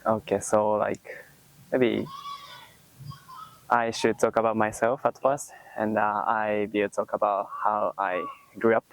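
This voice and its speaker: Soft-spoken young Japanese man, slow and halting. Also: lowish voice, flat delivery, poor audio. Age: 20s. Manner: hesitant, many fillers like "like" and "um". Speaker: university student guest. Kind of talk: casual interview answers.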